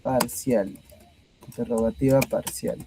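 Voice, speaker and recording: A male teacher explaining grammar patiently, often pausing to check that his students follow. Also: medium pitch, steady tone, gravelly, mellow, slight background noise, low-quality recording. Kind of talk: grammar lesson.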